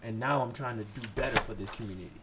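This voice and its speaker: A man's voice: medium pitch, quick pace, very noisy. A man from Haiti hosting a solo podcast, blunt and impassioned, cursing freely as he lectures his listeners. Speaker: podcast host.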